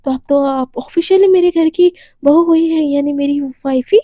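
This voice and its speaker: A woman's voice: sits high, moderate pace, warm tone, no echo, lo-fi sound, lightly acted. A woman voicing a young woman in love who coaxes and apologizes over and over. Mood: eager. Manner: coaxing, repeats pleas over and over.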